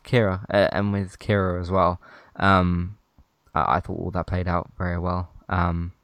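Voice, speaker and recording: A man's voice: deep voice, flat delivery, a little slow, fairly bright tone, clear, resonant tone, no echo. A man in casual chat reviewing a TV series, rambling a little and restarting his sentences. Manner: rambling, restarts often, chuckles between points. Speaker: podcast co-host.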